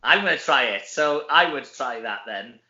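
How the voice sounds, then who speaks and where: A Welsh actor and comedy performer, guesting in an interview, chats in a medium-pitched, pushed, bright voice with lively intonation at normal speed. He is self-deprecating and anecdotal, often tagging sentences with "you know." The recording is dull and lo-fi, with roomy echo and a little hiss or hum.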